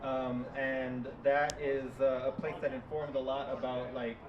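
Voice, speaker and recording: A man's voice: medium pitch, level tone, unhurried, crowd noise. A man from New York City giving a casual live talk, loose and self-deprecating, leaning on his notes. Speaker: guest speaker. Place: live event venue. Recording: dull, distant, echoey, noisy hall.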